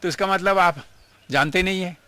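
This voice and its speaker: Older guy, swami telling old guru stories, earnest, kinda high bright voice. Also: normal speed, no echo. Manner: emotional, earnest storytelling, mixing in English phrases. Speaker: swami recalling his guru. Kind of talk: reminiscing interview.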